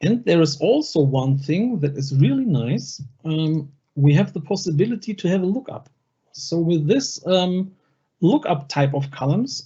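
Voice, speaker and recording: A presenter at an online user group event giving a live software demonstration, talking through each click step by step over a video call microphone. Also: mid-range voice, slightly rough, highs cut off.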